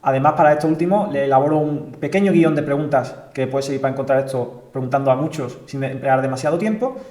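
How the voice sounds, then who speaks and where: A man mentoring startups, narrating a case study in a measured, explanatory way. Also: mid-range voice, a little mellow. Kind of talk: scripted narration. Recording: echoey room.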